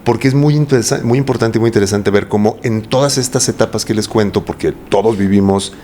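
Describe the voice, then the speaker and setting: A reflective man with a Mexican accent and a fairly low voice, talking things through in a relaxed interview. A faint hiss sits behind him, and he often pauses to ask his listener rhetorical questions. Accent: Mexican Spanish. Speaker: voice coach guest. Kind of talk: casual podcast interview.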